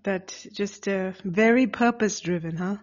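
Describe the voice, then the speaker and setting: Female podcast host, friendly casual delivery, husky tone, lo-fi studio audio. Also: mid-range voice, moderate pace. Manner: friendly, laughs through slips. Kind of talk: casual interview hosting. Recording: dull studio sound with faint music behind.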